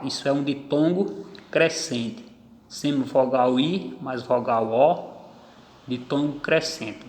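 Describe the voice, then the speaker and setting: A man teaching a grammar lesson, explaining step by step and counting out syllables one by one. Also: mid-range voice. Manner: slow, deliberate, spells out syllables. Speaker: Portuguese teacher. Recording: echoey room with long reverb.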